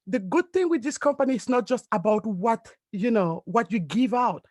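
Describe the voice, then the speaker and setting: A woman from Cameroon, a network marketing leader, gives an earnest, emphatic motivational speech over a video call, using non-native phrasing. Her voice is fairly high with a darkish tone, and the recording is dry.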